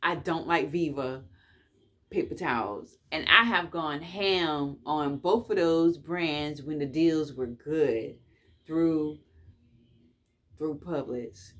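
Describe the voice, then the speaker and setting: A woman with a fairly low voice reminisces at a leisurely pace, as if vlogging. Her storytelling is casual and colloquial, and she repeats phrases to drive them home. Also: takes it slowly, fairly bright tone. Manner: emphatic, repeats phrases for effect. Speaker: couponing vlogger.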